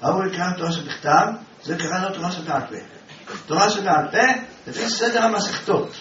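A man's voice: sits high, fairly bright tone, slight background noise. A man teaching a religious class as a rabbi, telling a story and asking his listeners questions. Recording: echoey room, distant mic, dull sound.

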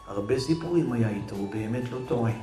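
A man delivering a storytelling sermon as a religious teacher, swinging from loud dramatic outbursts to hushed whispers. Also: mid-range voice, expressive. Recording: echoey room with faint music.

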